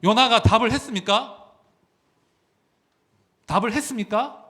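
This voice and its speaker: A man's voice: very high-pitched, measured pace, bright, forceful tone. A man, a pastor, preaching a sermon, asking the congregation questions as he goes.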